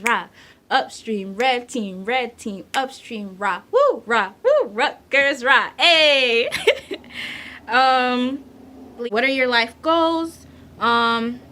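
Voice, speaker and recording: A woman in her twenties from Central New Jersey with a light local accent, chatting playfully about herself in a casual vlog, laughing often and filling pauses with ums. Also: mid-range voice, sharp tone. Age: 20s. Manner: says she is shy. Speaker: vlogger. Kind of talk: casual chat answering tag questions.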